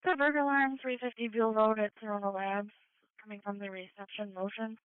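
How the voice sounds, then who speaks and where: Tinny police radio dispatcher, very clear voice. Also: medium pitch, steady tone, a little fast, no echo. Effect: two-way radio. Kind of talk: police radio dispatch, terse codes and addresses. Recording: narrow tinny scanner radio audio.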